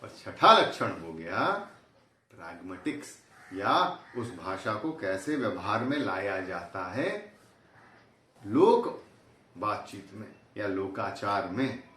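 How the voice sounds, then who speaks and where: A man lectures at a steady pace, laying out numbered points and illustrating each with everyday examples. He mixes English technical terms into his explanations. His voice is heard from a little away from the mic, in a roomy, echoing space. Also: fairly low pitch, recorded from a distance. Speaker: teacher.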